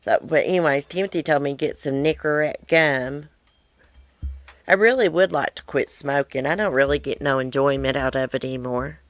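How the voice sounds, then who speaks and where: This livestream host speaks in a deep voice at a moderate pace, with no echo on the audio. Sitting out on her porch, she goes through viewer comments bluntly and at rambling length, her breathing audibly wheezy.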